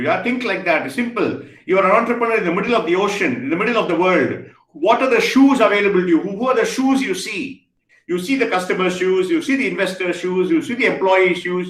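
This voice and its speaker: A man giving an energetic online lecture, firing questions at students and praising their answers. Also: high-pitched, fast. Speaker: guest speaker. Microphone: video call. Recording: echoey room, faint noise.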